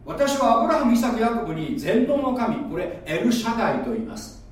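A pastor preaches like a teacher, explaining points and putting questions to the audience. His very high-pitched voice swings widely in pitch and moves briskly, sounding distant in an echoey room.

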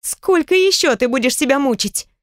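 A woman voicing a lively, bossy, caring middle-aged stepmother in an audiobook, high and animated in her scolding. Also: moderate pace, dry recording, studio quality. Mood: indignant.

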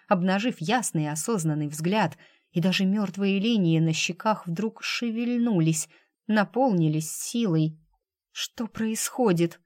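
Audiobook reader: woman, lowish voice, measured and dramatic, close dry recording. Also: a little mellow, no echo. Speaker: audiobook narrator. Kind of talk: scripted narration.

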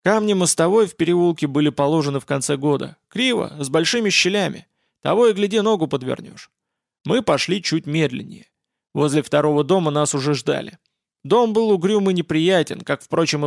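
A man narrates a first-person fantasy audiobook with wry, brisk timing. His voice has a gravelly, fry-laden texture and sits somewhat high for a man. The sound is dry and close, with no room around it. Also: no room sound.

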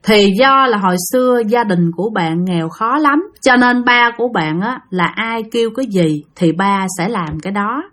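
A woman's voice: medium pitch, animated, normal speed, hardly any pauses, fairly bright tone. A woman telling ghost stories in a chatty, vivid way, addressing her listeners directly. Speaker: storyteller. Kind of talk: casual spooky storytelling narration.

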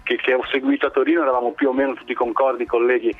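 A man's voice: mid-range voice, level tone, racing, breathy edge. A male sports journalist speaking over the phone, often hesitating and repeating words as he thinks. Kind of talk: live phone-in commentary. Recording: tinny dry phone line.

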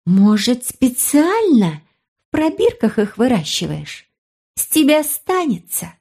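A woman voicing a defiant, sharp-tongued pregnant teenage girl who snaps back at her brother, in an audiobook. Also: fairly high pitch, big pitch swings, unhurried, husky, pitched above the performer's own voice, heavily acted. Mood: indignant. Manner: indignant, snapping.

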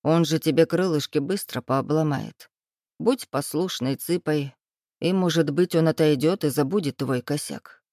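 A woman's voice: sits low, moderate pace, dark tone, no echo, clean studio sound, natural voice. A woman voicing a mocking young male thug who teases with a smug, drawling manner.

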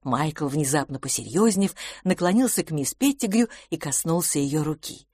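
Woman, audiobook narrator, lowish voice, lively intonation, dry close recording. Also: moderate pace, breathy edge, dry recording.

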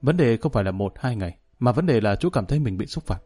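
A man's voice: mid-range voice, animated, quick pace, a little mellow, breathy edge, faint music behind. A man doing a proud, bitter old filmmaker. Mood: indignant. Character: proud aging male filmmaker, wounded and bitter.

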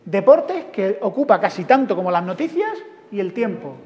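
A man with a Spanish accent from Spain addresses an audience in a lively, wry talk full of rhetorical questions. His voice rings through a big hall with a long echo, and the sound is dull and muffled. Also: high-pitched, normal speed.

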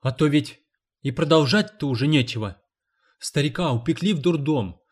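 A man voicing a loud, indignant woman cleaner in an audiobook, shrieking and scolding. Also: lively intonation, normal speed. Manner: shrill, exclaiming, scolding.

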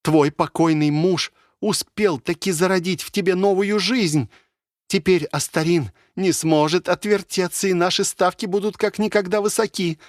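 Haughty noble matron read by a man, higher than his own voice, peremptory orders, storybook fantasy. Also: a little slow, no echo, clean studio sound, lightly acted. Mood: triumphant. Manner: commanding, peremptory. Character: imperious noble mother, middle-aged woman.

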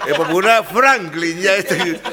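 A middle-aged man, telling jokes in a lively way and laughing at his own punchlines. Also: high voice, takes it slowly, long reverb tail, heavy background noise. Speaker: radio comedian. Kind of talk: joke telling.

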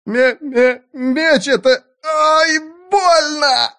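A man's voice: extremely high pitch, very slow, pushed and bright, pitched above the performer's own voice, exaggerated voice. A man reading an audiobook, voicing a lanky captured thug who squeals, stammers and sobs his pleas. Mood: terrified, pleading. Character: lanky terrified male hired thug, captive. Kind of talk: audiobook character voice.

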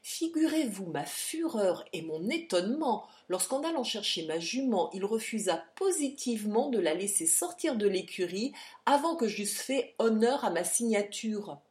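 A woman's voice: medium pitch, expressive, darkish tone. Woman reading a classic novel aloud. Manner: measured narrative reading. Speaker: audiobook reader. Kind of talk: literary audiobook narration.

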